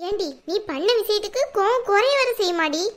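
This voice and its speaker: A woman voicing a scornful cartoon mother, high-pitched. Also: lively intonation, brisk. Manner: scornful, scolding. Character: bitter middle-aged mother, harsh and scolding. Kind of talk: cartoon voice acting.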